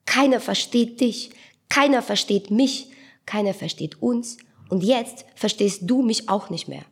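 A woman's voice: on the high side, animated, normal speed, breathy edge, pitched above the performer's own voice. A woman voicing an anxious, insecure young man who stammers and pleads in an audiobook. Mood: pleading.

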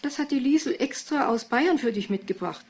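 A woman's voice: sits high, lively intonation, brisk, pitched above the performer's own voice. A woman doing a fretful, fussing mother. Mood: urging. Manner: anxious, hushed and fretful. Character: worried, fussing middle-aged mother.

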